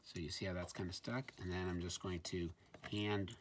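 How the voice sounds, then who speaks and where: Seated at a table indoors, a man presents a gadget review through an informal hands-on demo, hesitating slightly as he thinks out loud. He speaks at normal speed in a low voice with fairly even intonation. The audio carries faint background noise and clicks from handling.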